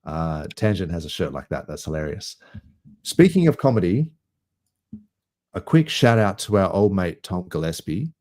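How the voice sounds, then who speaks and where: A man hosting a casual crypto livestream, relaxed and rambling, laughing easily. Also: low-pitched, normal speed. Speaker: host.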